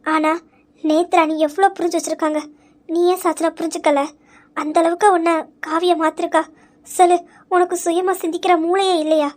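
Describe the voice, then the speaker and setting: A woman voicing a young woman in an audio story who comforts a crying friend, gently but firmly pointing out her mistakes. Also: extremely high pitch, little pitch movement, moderate pace. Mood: reproachful. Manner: gentle but firm, reasoning and reproaching.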